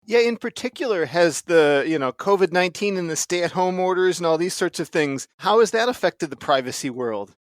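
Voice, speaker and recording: An American man hosts a podcast in a conversational way, thinking aloud and adding asides. His voice sits a little high for a man, and the sound is dry and close, with no room echo. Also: expressive, fairly quick, hardly any pauses. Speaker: podcast host.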